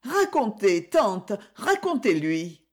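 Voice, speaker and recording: A woman voicing a fragile, nervous young society woman who is bright, eager and easily startled, in an audiobook reading. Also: medium pitch, very animated, slow pace, voice pushed up. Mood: pleading.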